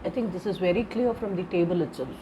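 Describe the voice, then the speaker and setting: A woman with an Indian accent talks fast in a lowish voice that's congested and slightly wheezy from a cold and sore throat, over a noisy background. As a charms card reader giving guidance, she delivers a casual spiritual reading in an instructive, repetitive way, tagging phrases with "na."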